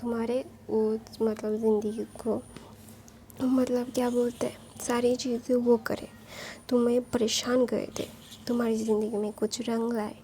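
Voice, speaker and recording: A woman's voice: fairly high pitch, little pitch movement, measured pace, warm tone, a little hiss or hum, close to an everyday voice. A woman voicing a protective, bossy queen mother in a told story, speaking in a conspiratorial way. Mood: fond.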